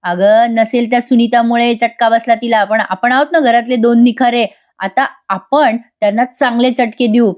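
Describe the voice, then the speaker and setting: A woman's voice: on the high side, fairly even intonation, normal speed, few pauses, darkish tone, natural voice. A woman voicing a scheming middle-aged aunt who exclaims melodramatically.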